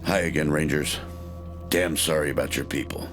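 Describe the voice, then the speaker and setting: An actor playing a gruff, older retired male war hero who recruits soldiers, speaking in a dry, understated way. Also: fairly even intonation, moderate pace. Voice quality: deep gravelly voice. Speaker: recruiting sergeant. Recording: game audio over loud music.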